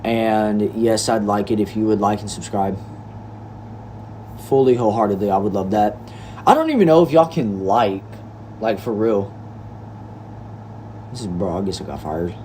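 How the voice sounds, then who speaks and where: A young man of nineteen from Texas reads viewer comments aloud on a casual indoor livestream, chatty and laid-back, calling people bro and y'all. His lowish, slightly mellow voice has lively intonation, a moderate pace and long pauses. The low-quality recording carries slight background noise.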